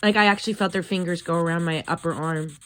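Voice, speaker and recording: A woman hosting a spirit box session, talking casually in a gentle, chatty, coaxing way as she asks questions. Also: on the low side, fairly even intonation, fast.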